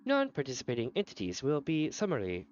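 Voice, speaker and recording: A cold robot overseer speaks in a slow, measured monotone, every word formal and flat, as a man puts on his robot voice. His normally lively delivery is held level so the machine sounds deliberate and detached. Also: medium pitch, lo-fi sound. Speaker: streamer voicing game dialogue. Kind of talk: reading game text aloud in character.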